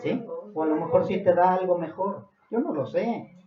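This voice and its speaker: A male pastor with a fairly high voice preaches a sermon, building to forceful repeated questions and easing back down to quiet lines. The recording is dull and muffled, and the church room echoes around him. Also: moderate pace, a crowd in the background. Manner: preaches with rising emphatic questions and drops to quiet reflective lines. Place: church hall.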